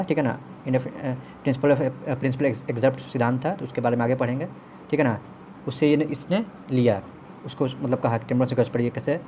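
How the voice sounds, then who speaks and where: A man teaching literary theory, reading English lines slowly and then explaining them quickly in Hindi, often checking in with his students. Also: medium pitch, mellow, slight background noise. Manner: frequent check-ins and self-corrections.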